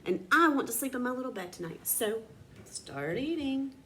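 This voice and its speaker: A firm old village wise woman from a storybook, read by a woman. She instructs in a measured, stern way with varied intonation. Faint noise is audible behind her. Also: sits high, big pitch swings, sharp tone, full character voice.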